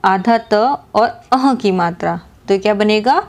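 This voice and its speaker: A woman teacher explaining a lesson slowly, asking questions and repeating each answer. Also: mid-range voice. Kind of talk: slow classroom explanation.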